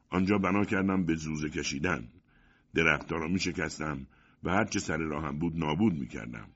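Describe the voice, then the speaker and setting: A man with a very low voice reads a first-person story in a steady, sombre way. The recording sounds dull and lo-fi. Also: slightly rough. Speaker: narrator. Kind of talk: first-person audiobook narration.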